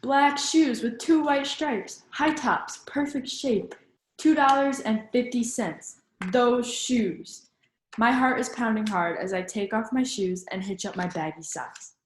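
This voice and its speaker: Here a woman's slightly high voice carries some reverb and a touch of hiss or hum. She reads a picture book aloud to kids in an instructive, teacherly way, stopping to pose questions that draw them into the story.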